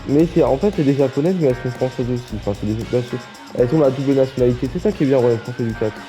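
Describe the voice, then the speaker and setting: Commentate like a relaxed guy calling a wrestling game: ramble, crack jokes, stumble over fillers, keep the voice very dark and mellow with faint music behind. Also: medium pitch, very fast. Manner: rambling, joking, with many fillers.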